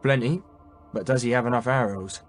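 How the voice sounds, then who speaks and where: A man reading an audiobook voices an old English knight with a dry, gruff manner. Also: mid-range voice, brisk, soft background music, lightly acted.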